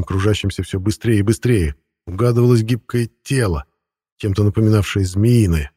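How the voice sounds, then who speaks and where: Low husky male audiobook narrator. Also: warm tone, dry recording, studio quality. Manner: wry, conversational storytelling. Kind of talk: first-person audiobook narration.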